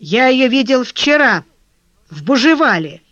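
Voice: medium pitch, big pitch swings, normal speed, fairly bright tone, no room sound. A narrator reading the lines of a sly, scheming male crook in an audiobook, with a secretive, insinuating manner. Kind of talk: audiobook character voice. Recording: dull dry lo-fi recording.

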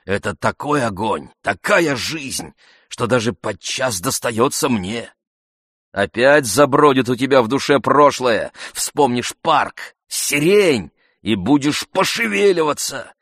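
A man doing a calm, coaxing male friend. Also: medium pitch, takes it slowly, dry recording, clean studio sound, voice pushed up. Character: steady, warm-hearted male friend, persuasive.

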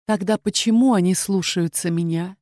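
A woman voicing a calm, proud female shadow-dragon in an audiobook, speaking in a steady, dignified way. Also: on the low side, moderate pace, no room sound, clean studio sound, natural voice.

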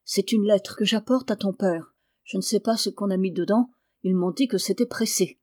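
A woman's voice: mid-range voice, moderate pace, a little mellow, no echo, close to an everyday voice. Polite messenger boy in a storybook, a woman reading, plain and dry. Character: polite boy delivering a letter.

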